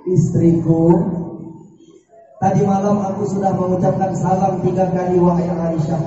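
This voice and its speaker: Brief: tender, calm husband, voiced by a male preacher, dark mellow tone, roomy distant sound. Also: high-pitched, normal speed, close to an everyday voice. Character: gentle patient husband, soft-spoken and tender. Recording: echoey mosque hall, far from mic, dull sound.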